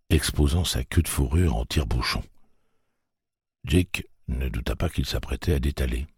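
A man reading an audiobook story in a measured, steady way. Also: rumbling low, husky, no room sound, studio quality. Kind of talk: audiobook narration.

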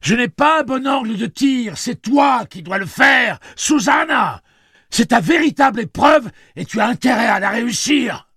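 Gunslinger lead: narrator playing a tough man barking commands, raised pitch, husky, dry. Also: lively intonation, moderate pace, bright, forceful tone, no room sound, shouting, exaggerated voice. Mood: commanding. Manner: urgent barked orders. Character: commanding hardened male gunslinger.

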